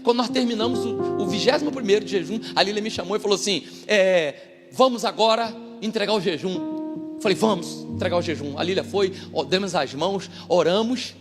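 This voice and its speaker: High, animated man preaching. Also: a little fast. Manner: animated, dramatic storytelling with voiced quotes. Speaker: pastor. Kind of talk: testimony sermon. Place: church hall. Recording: church hall with long reverb and music behind.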